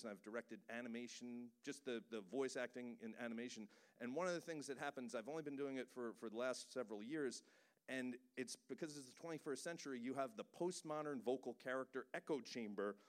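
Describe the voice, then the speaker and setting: Voice director guy doing a fun live talk, smooth clear voice, joking around. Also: medium pitch. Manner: chatty, enthusiastic, joking. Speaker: voice director giving a presentation. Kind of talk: live pop-culture talk. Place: cinema, live event.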